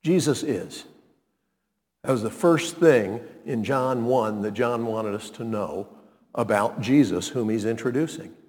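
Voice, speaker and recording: A man preaching a sermon as pastor, talking conversationally with drawn-out phrasing and frequent check-ins with the congregation. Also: medium pitch, a little mellow. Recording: long hall reverb.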